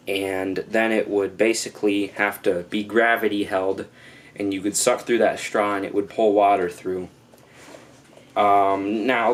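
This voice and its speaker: A young adult man giving a casual hands-on review in a hesitant, explanatory way. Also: lowish voice. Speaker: gas mask reviewer. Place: small living room indoors. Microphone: camera mic at close range. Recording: noisy home camera recording.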